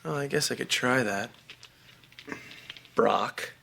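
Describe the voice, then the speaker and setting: A man's voice: medium pitch, slow pace, creaky. A young man acting in a sitcom as a goofy, easily rattled dad, blunt and exclamatory. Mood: goofy, impressed. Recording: very noisy sitcom soundtrack.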